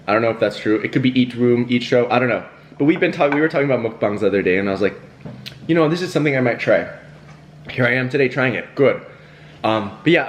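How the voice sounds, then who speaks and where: Young male vlogger, average pitch, talks to camera while eating, loose chatty delivery, light hiss behind. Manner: chatty and rambling, with fillers, laughs and self-talk. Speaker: YouTuber hosting a mukbang.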